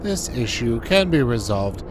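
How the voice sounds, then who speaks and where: A man putting on a robot voice for a dutiful male control terminal, speaking in clipped monotone announcements. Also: medium pitch, measured pace, background noise. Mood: robotic. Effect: robot voice done by mouth, no filter. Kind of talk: voicing game dialogue while playing.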